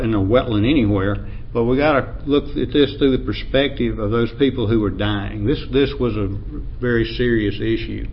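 A man with an Appalachian American accent giving an informal academic lecture in a measured, hesitant way, often clearing his throat. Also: mid-range voice. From Appalachian United States. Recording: dull lo-fi sound, faint background noise.

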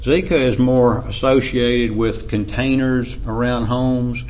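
A man with an Appalachian American accent giving an informal academic lecture in a measured, hesitant way, often clearing his throat. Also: mid-range voice, fairly even intonation. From Appalachian United States. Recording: dull lo-fi sound, faint background noise.

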